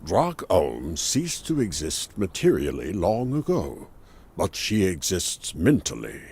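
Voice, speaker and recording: A wise male mage in a game cutscene, calm and patient. His voice is very low and husky, with lively swings of pitch. He explains in a measured, steady way. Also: heavily acted. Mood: explaining.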